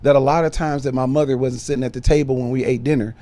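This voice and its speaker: Earnest middle-aged minister, dark voice. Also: male voice, medium pitch, steady tone, fast talker. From born in Chicago, raised in Detroit. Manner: earnest storytelling with fillers. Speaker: bishop and minister. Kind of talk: casual podcast interview.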